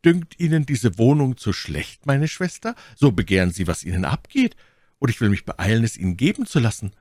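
A man voicing a cold, mocking English lord in an audiobook reading, with coolly sarcastic, measured threats. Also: medium pitch, sing-song, a little mellow, no room sound, clean studio sound. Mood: ironic.

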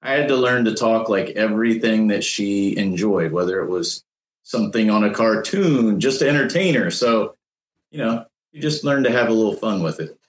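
A man's voice: fairly low pitch, moderate pace. Guy co-hosting a podcast, playful, laughs a lot, echoey room. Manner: animated, laughs easily, playful. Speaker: podcast co-host. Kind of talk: casual chat. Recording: roomy echo.

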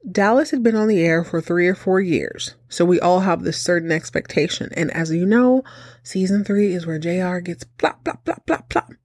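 A woman's voice: mid-range voice, dry recording, clean studio sound. A woman hosting a TV recap show with casual, chatty commentary and a campy, sassy, theatrical delivery. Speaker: host of a TV soap recap show.

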